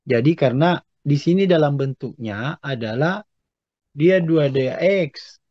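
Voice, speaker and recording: In an echoey room with a dull, muffled recording, a man lectures on mathematics, walking through the lesson step by step with patient explanations and frequent checks that students keep up. His voice is on the high side, unhurried, with lively intonation.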